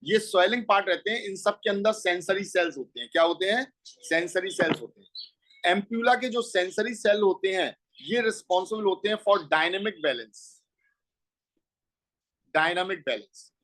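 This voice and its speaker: Briskly and in a high, somewhat bright voice, a man runs a school biology lesson, explaining step by step and answering questions he raises himself. The recording is rough.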